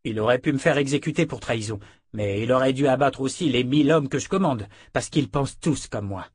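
A man's voice: medium pitch, a little fast, breathy edge, dry recording, close to an everyday voice. A man voicing a loyal young male officer, earnest and respectful as he explains himself.

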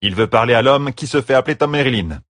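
A man voicing a man who makes a brisk, formal introduction, as an audiobook character. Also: mid-range voice, animated, fairly bright tone, dry recording, studio quality, pitched above the performer's own voice, natural voice.

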